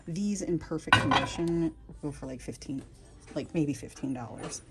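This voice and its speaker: A woman vlogging as she browses a thrift store for vintage pieces to resell, often whispering excitedly to the items. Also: sits low, normal speed, very noisy. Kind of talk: thrift store vlog narration.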